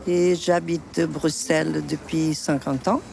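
A woman's voice: low voice, steady tone, takes it slowly, gravelly, music in the background. An older woman of Portuguese origin answering interview questions in a frank, plain-spoken way. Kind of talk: street interview.

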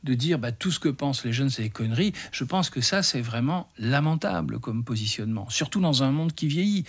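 A middle-aged man speaks as an interview guest, in a mid-pitched voice. He searches for words as he goes, with frequent hesitations and restarted phrases. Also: animated, brisk, slightly rough. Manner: hesitant, many fillers and restarts. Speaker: interview guest, teacher trainer. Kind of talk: radio interview conversation.

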